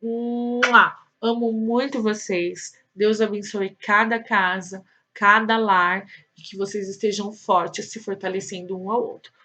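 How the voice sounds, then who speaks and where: A woman's voice: mid-range voice, steady tone, measured pace, hardly any pauses, bright, forceful tone. A woman teaching a remote lesson to young children, asking questions and stretching out words in a sing-song way. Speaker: primary school teacher.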